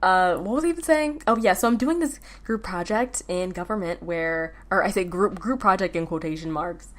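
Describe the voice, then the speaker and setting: A woman's voice: on the low side, brisk. A teenage girl hosting a casual solo podcast, rambling with lots of fillers and restarts. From United States. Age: teens. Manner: rambling, filler-heavy, self-interrupting. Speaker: podcast host.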